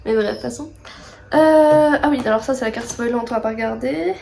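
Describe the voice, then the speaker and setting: A woman's voice: a little high, a little fast, gravelly, darkish tone, slight background noise. A young woman vlogging a book box unboxing, chatty and rambling with many fillers and asides. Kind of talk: casual unboxing vlog.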